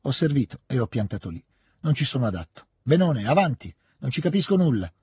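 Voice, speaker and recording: A man's voice: mid-range voice, sing-song, brisk, warm tone, slightly rough, no echo, clean studio sound. A man voicing a jovial, eccentric old Russian country uncle in a literary radio reading, folksy and fond of a pet phrase. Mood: good-humored.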